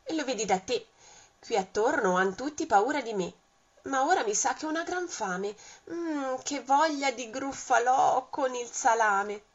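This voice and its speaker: A small clever mouse who boasts that the whole forest fears him, as a woman reads him aloud. His voice is high and cheeky with a husky edge. The sound is dull and lo-fi. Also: expressive, a little slow. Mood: smug.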